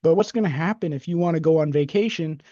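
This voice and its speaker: A man's voice: a little high, fast, mellow, no echo. Rambling man, lo-fi podcast sound. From United States. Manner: rambling, hesitant, heavy on fillers. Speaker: podcast co-host. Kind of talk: casual opinionated chat.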